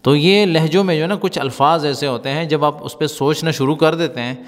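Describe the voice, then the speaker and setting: A man teaching Gulf Arabic vocabulary in Urdu, repeating each word slowly for practice. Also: on the high side, big-room sound. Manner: repeats words slowly for drill.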